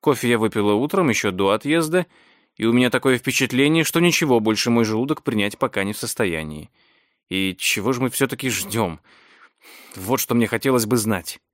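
A man's voice: medium pitch, lively intonation, fairly quick, no echo, clean studio sound, natural voice. A man voicing a fussy, impatient older woman traveler who complains about the delay, in a storybook reading. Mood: fretful. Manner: complaining, fretful.

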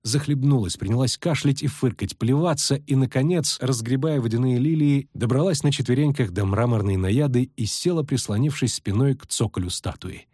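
Man, audiobook narrator, husky, dry close sound, measured and even. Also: mid-range voice, no echo. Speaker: audiobook reader. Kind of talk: scripted narration.

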